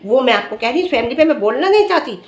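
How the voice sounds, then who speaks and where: A woman's voice: high-pitched, very animated, very fast, roomy sound. A middle-aged woman vlogger giving direct-to-camera commentary, earnestly lecturing and scolding with rhetorical questions. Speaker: vlogger commenting on another family's dispute.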